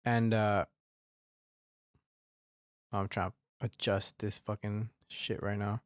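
This young man's voice sits on the low side, level in tone, and he takes his time. Hosting a casual solo podcast, he rambles with heavy swearing and frequent restarts through a slightly phlegmy, congested throat, captured in clean studio sound without echo.

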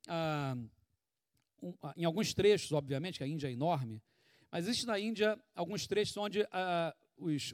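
This is a pastor preaching with a Brazilian Portuguese accent, his delivery conversational and energetic, full of rhetorical questions. He has a high voice for a man and is sweating while he talks. The sound is close and dry, without any echo or room sound.

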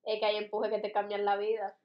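A young adult woman in casual chat, animated and laughing as she acts out quotes. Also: medium pitch, a little fast, reverberant, lo-fi sound.

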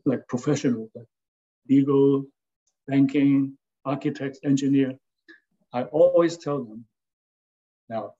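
Recalling his working life, this elderly architect from Hong Kong, once a design lecturer, talks in a loose, stop-start interview full of fillers, restarts and checks of "okay?" His pitch is medium and his tone mellow, while the recording has its highs cut off.

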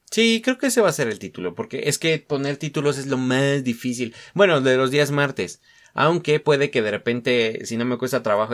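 Rambling young Mexican podcast host. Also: male voice, medium pitch, fairly bright tone. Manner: rambling, slangy and self-mocking, full of fillers. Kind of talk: casual solo podcast monologue.

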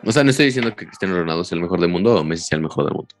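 Teen male co-host, Mexican accent, profane and heated, pitch leaps around, faint music behind. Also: animated, racing. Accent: Mexican Spanish. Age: teens. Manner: swears a lot, voice jumps high when heated. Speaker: podcast co-host. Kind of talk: casual argumentative banter.

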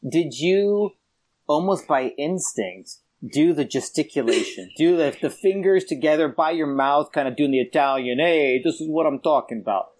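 Husky guy teasing his cohost, voice goes all over the place. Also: a little high, lively intonation, normal speed, a little mellow. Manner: teasing, playful interrupter. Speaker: podcast guest. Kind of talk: casual podcast chat.

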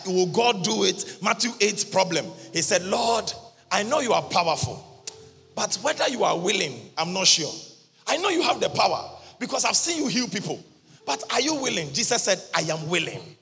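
A man preaching a sermon at a convention, in chanted, half-sung lines that burst into shouts. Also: sits high, sing-song, moderate pace, creaky, husky. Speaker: prophet preaching. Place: large church or convention hall. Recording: reverberant hall with music behind.

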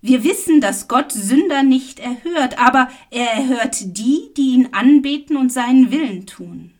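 A woman voicing a man born blind and now healed, read slowly in a Bible reading. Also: high voice, expressive, darkish tone. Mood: earnest. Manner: slow, plain reading voice.

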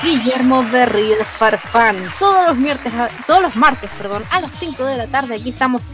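A woman with a Chilean accent and a high voice hosts a radio show over a music bed. She is chatty and casual, talking straight to her listeners. Her delivery is playful and full of exclamations. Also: animated, moderate pace, a crowd in the background.

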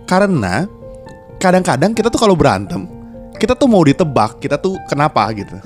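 Lively fast-talking man with slang. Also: on the high side, faint music behind. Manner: animated, acts out quoted dialogue. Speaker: podcast co-host. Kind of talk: casual relationship talk.

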